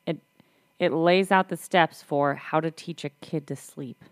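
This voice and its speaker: A young woman talks easily about parenting in a lowish voice. Her tone is affirming, and the recording is dry and close, with no room sound. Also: steady tone, normal speed, dry recording. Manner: easygoing, affirming. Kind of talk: casual chat about parenting.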